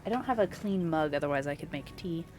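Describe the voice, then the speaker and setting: A woman's voice: low voice, expressive, fast talker. A young adult woman casually commenting on a game she plays live, chatty and playful, reading viewer messages aloud. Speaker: streamer. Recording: voice over loud game music.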